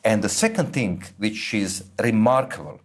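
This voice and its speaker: A man's voice: on the low side, big pitch swings, moderate pace. A man interviewing a guest, speaking in an earnest, formal way as he praises the guest's work.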